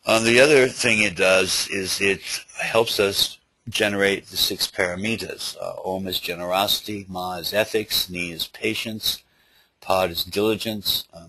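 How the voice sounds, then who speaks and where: Deep-voiced man with a lisp. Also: pushed and bright, husky, no room sound, low-quality recording. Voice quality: lisp from dental problems. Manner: halting, loosely worded explanation. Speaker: Buddhist meditation teacher. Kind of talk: informal spoken teaching.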